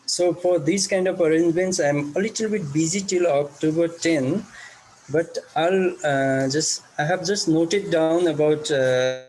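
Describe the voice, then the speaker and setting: A man with a Nepali accent, a teacher, talking haltingly on a video call with many fillers and restarts. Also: a little high, a little mellow, rough recording. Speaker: teacher and club organizer.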